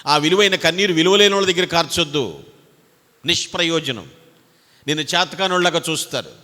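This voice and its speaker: A male pastor delivering a sermon, swinging between loud exhortation and quiet asides. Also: fairly high pitch, expressive, fairly quick. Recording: reverberant hall.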